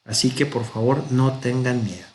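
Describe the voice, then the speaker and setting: A man with a Mexican Spanish accent teaching a Hebrew grammar lesson, patient and methodical, sounding out example words slowly. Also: medium pitch, darkish tone, slight background noise. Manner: patient, explains step by step, pronounces examples slowly.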